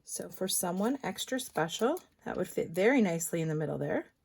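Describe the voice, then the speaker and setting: Woman, card-crafting tutorial host, gravelly chatty delivery, faint background noise. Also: lowish voice, sing-song, a little fast. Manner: chatty, thinks aloud, drops into soft asides. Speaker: card-making demonstrator.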